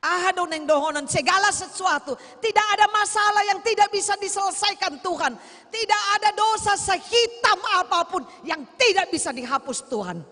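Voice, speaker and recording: A woman preaches a sermon, urging and pleading with her listeners. Her voice is high and bright. It rings with a long reverb through the church. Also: animated, moderate pace. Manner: exhorting, pleading with the congregation. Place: church sanctuary.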